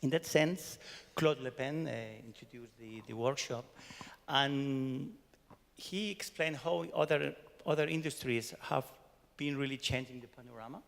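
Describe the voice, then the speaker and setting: A man's voice: medium pitch, a little slow, gravelly. A man from Barcelona with a Catalan-accented Spanish accent, giving a chatty conference talk and tagging his sentences with "no?". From Barcelona, Spain. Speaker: conference speaker. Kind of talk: conference talk summarizing a workshop. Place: conference hall. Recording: long hall reverb.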